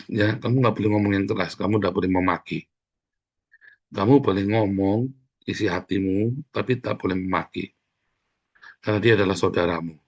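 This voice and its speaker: A man's voice: on the low side, normal speed, long pauses, highs cut off. A man pastor preaching a conversational sermon, scolding and coaxing his listeners with frequent direct asides. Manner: acts out quoted speech in livelier voices.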